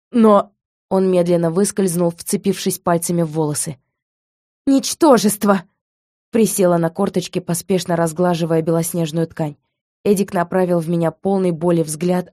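Low, mellow woman narrating a story. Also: no room sound, clean studio sound. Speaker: audiobook narrator. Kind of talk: first-person scripted narration.

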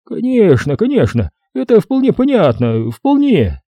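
A man voicing a calm, talkative male doctor in an audiobook, speaking in a soothing, glib way. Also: high-pitched, unhurried, no room sound, highs cut off, pitched above the performer's own voice, full character voice. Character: smooth, chatty male doctor, oddly calm.

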